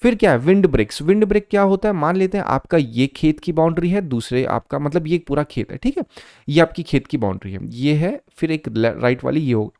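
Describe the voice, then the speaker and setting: A man gives an exam prep lesson in a smooth, resonant voice pitched a little high. He explains step by step and keeps quizzing his students, and he reads English exam questions out slowly. The sound is dry and close. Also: lively intonation, darkish tone, dry recording. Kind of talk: lecture.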